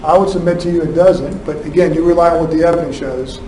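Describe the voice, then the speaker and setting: A man's voice: on the high side, steady tone, fast talker, dark tone. A man giving a prosecutor's closing argument in a courtroom, arguing point by point and firing rhetorical questions at the jury. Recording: echoey courtroom, distant mic, faint room noise.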